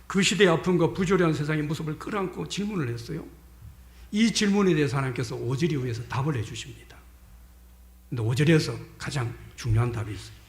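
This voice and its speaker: A man preaching a Sunday sermon as pastor, addressing the congregation with rhetorical questions and moving between forceful emphasis and hushed whispers. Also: on the high side, fast talker. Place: church sanctuary during a Sunday service. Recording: echoey church hall.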